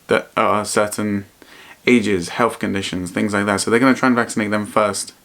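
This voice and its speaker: A man vlogging in a reflective, personal way, speaking earnestly and haltingly and often repeating his phrases. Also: lowish voice, fairly even intonation, a bit bright. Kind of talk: personal vlog to camera, reflective talk.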